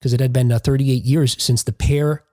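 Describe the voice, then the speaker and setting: A man co-hosting a casual podcast chat, relaying entertainment news as an animated storyteller. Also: mid-range voice, moderate pace, no echo, clean studio sound. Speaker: podcast co-host.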